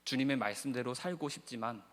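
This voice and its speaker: A male pastor preaching a sermon, swinging between hushed, soft passages and loud, impassioned pleading. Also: mid-range voice, fairly quick. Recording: long church hall reverb.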